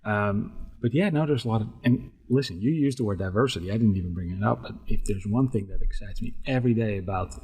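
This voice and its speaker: A man's voice: lowish voice, fast talker, few pauses, darkish tone, breathy edge. A man in his forties from the Netherlands with a Dutch accent, speaking as a guest in an interview with enthusiastic, chatty energy. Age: 40s. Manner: enthusiastic, chatty, tags statements with "right?". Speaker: guest, sports management professor. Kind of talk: podcast interview.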